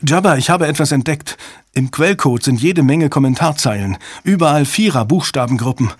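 A man doing a shouting, urgent woman technician. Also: on the high side, expressive, moderate pace, no room sound, voice pushed up. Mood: excited. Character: urgent young female technician.

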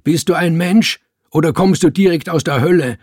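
A man voicing a fat, drunken house owner who shouts curses in anger. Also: fairly high pitch, moderate pace, no echo, studio quality, voice pushed up, lightly acted. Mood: raging. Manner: angry shouting, cursing.

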